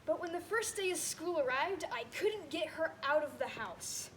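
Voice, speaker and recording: A woman's voice: sits high, lively intonation, normal speed. A young woman on stage playing a divorced grown son who tells stories about his mother and mimics her lines. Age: late teens. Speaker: student actor. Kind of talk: stage monologue. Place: school theater stage. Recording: hissy stage recording.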